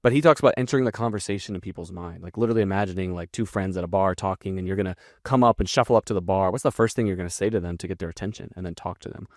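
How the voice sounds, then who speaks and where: A man's voice: deep voice, very fast, hardly any pauses, dry recording, studio quality. A man teaching copywriting in a casual breakdown, talking bluntly and swearing freely. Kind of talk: casual screen-share breakdown.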